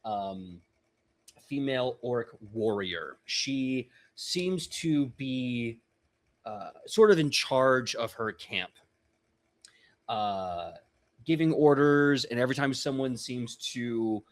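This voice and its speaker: A laid-back man running a tabletop game, narrating scenes with plenty of "like" and "uh". His voice rises and falls with lively intonation. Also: mid-range voice, takes it slowly. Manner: laid-back, lots of fillers like "like" and "uh". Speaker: game master.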